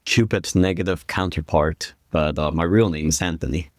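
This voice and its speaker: A man from Guatemala, a guest telling about his upbringing in a relaxed, rambling way with plenty of fillers. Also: sits low, moderate pace, no echo, clean studio sound. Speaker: guest storyteller. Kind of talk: casual interview chat.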